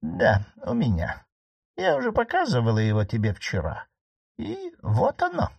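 A man reading an audiobook, voicing a calm, gently mocking elderly aristocratic aunt, a marquise. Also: mid-range voice, moderate pace, gravelly, slightly rough, dry recording, lo-fi sound, exaggerated voice. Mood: calmly certain.

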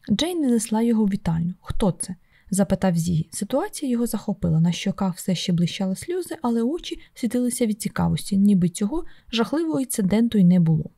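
A woman narrating an audiobook in a steady, measured storytelling voice. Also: on the high side, no room sound, studio quality. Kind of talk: scripted narration.

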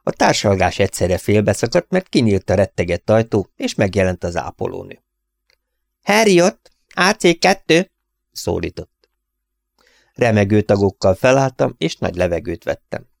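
A man narrating a humorous first-person audiobook in an expressive storytelling manner. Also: fairly low pitch, gravelly, dry recording.

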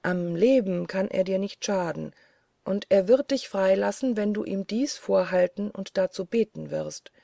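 A woman reading the lines of a small, wise male glass forest spirit who gives hushed instructions. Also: mid-range voice, unhurried, gravelly, dry recording, studio quality. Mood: instructing.

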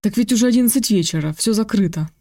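A narrator voicing a curious, impatient young woman in an audiobook, full of questions and quick to exclaim. The tone is mellow and warm. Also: mid-range voice, lively intonation, voice pushed up.

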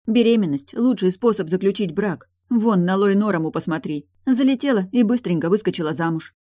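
A woman reading an audiobook, voicing a brash, sharp-tongued retired guardswoman who is mocking, blunt and pushy. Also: medium pitch, expressive, brisk, no room sound, clean studio sound, pitched above the performer's own voice, lightly acted.

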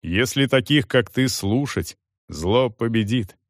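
A male narrator voicing a hard, cold soldier who speaks in gruff, clipped commands. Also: medium pitch, lively intonation, takes it slowly, dry recording, clean studio sound.

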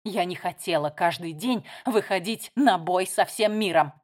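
Woman reader doing an older sister, weary, defensive, lowered voice, audiobook. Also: unhurried. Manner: tired, defensive.

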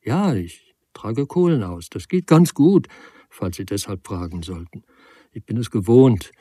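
A man's voice: lowish voice, lively intonation, measured pace, dark tone, slightly rough, dry recording. A man reading a frail, humble man in his forties who stammers and apologizes. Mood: earnest. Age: 40s. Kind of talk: audiobook character reading.

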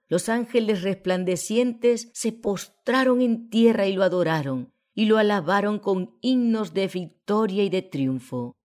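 A woman narrating a religious audiobook in a solemn, measured way. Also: on the low side, mellow.

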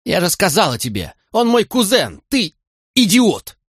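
A man's voice: a little high, big pitch swings, a little fast, no room sound, clean studio sound, voice pushed up. A man voicing a proud young woman who is hurt and angry, speaking in a raised, reproachful voice.

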